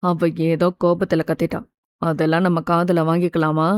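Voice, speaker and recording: A woman voicing a grieving, protective young uncle, dropping her voice lower and speaking firmly, then gently. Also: flat delivery, normal speed, clean tone, no echo, studio quality, natural voice. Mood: gentle, soothing. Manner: firm scolding, then gentle soothing.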